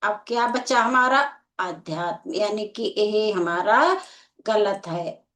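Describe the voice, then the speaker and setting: A woman teaching a Hindi spelling lesson for exam preparation, explaining slowly and checking in with the class again and again. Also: medium pitch, a bit bright. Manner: slow and explanatory, repeating "ठीक है" as a check. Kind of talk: exam-prep lecture.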